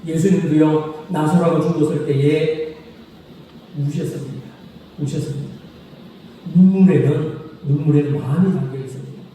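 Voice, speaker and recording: A man preaching a sermon as pastor, reading scripture slowly and asking the congregation questions, then repeating the answers himself. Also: a little high, steady tone, dark tone. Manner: asks the congregation questions and repeats key phrases; slow, solemn scripture reading. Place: church sanctuary. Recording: echoey hall reverb from a distant mic, faint noise.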